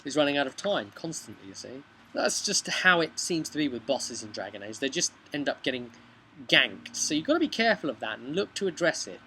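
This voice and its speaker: A bright-voiced game master, very animated and fairly quick, recaps his tabletop role-playing campaign in a casual storytelling vlog. His pitch is medium. He sits outdoors on a bench beside a brick house, and the home video is noisy.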